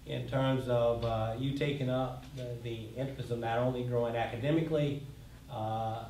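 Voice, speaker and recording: An older man, a college president, giving a relaxed, conversational address to students, joking and using many fillers. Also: mid-range voice. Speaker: community college president, guest speaker. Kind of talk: informal lecture address. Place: lecture hall with an audience. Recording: echoey hall, mic from far off, faint noise.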